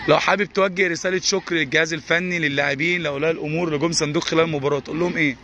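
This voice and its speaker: An Egyptian man works as a sports reporter at an outdoor football ground. He talks at breakneck speed and repeats his questions. A steady roar of outdoor noise sits behind him on a noisy field recording. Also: fairly high pitch, dull audio. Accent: Egyptian Arabic. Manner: rapid, repetitive questioning. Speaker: pitch-side reporter. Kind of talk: sports coverage interview.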